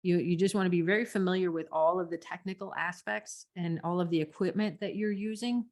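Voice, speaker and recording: A woman co-hosts a podcast and coaches in a casual teaching chat, laughing often between phrases. She talks fairly quickly in a lowish, darkish voice, giggling and repeating words for emphasis.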